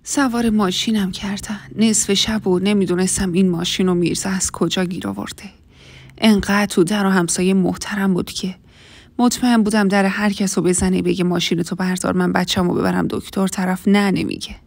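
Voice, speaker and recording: A woman telling a first-person story in a soft, half-whispered voice. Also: mid-range voice, fairly even intonation. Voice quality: husky, breathy.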